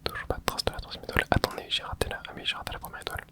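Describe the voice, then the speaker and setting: Speaking very fast in a pushed, bright voice, a gaming channel host whispers loose commentary on his gameplay. He's casual and hesitant, thinking out loud and rambling, full of filler words.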